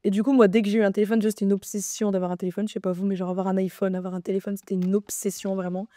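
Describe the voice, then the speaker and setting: A young woman talks informally as a podcast co-host. Her mid-range voice is soft-edged and mellow. The sound is dry, with no room echo. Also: mid-range voice, level tone, rapid-fire. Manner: informal, conversational. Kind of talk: casual chat.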